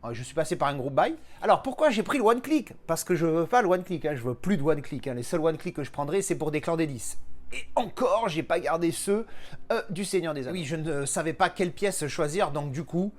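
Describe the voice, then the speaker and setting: A man's voice: on the high side, a little fast. A man casually chatting through an unboxing vlog, jokey and a little profane, talking while he handles and opens the packaging. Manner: jokey, animated, casually swearing. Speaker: collector unboxing a film edition.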